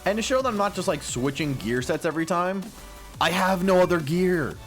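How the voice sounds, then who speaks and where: Man, gaming vlogger, self-deprecating rambler, morning voice cracking, slightly high voice. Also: expressive, moderate pace, fairly bright tone. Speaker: gaming YouTuber. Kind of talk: casual gameplay commentary. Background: faint music stream.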